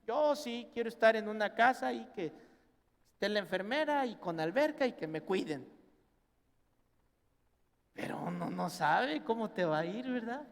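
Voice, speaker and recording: A middle-aged man with a Mexican accent preaching a sermon as pastor, animated and acting out family members in quoted voices. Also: sits high, a little slow, gravelly, pauses often. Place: church hall. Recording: long reverb in a church hall.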